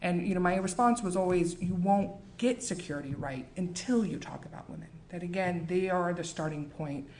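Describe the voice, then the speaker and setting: A woman's voice: on the low side, darkish tone, a little hiss or hum. Earnest woman giving a book talk. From United States. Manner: measured, earnest, with frequent fillers. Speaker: author. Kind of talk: book talk and reading aloud.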